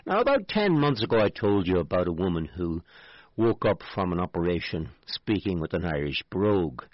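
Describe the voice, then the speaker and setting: A male radio host reads a news item in a relaxed, chatty way and breaks off for dry jokes. His pitch moves about a lot and his voice has a slight huskiness. The sound is dry and a little dull, with faint music underneath. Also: moderate pace, dry recording. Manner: wry asides, lively intonation. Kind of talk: casual radio chat reading a news story.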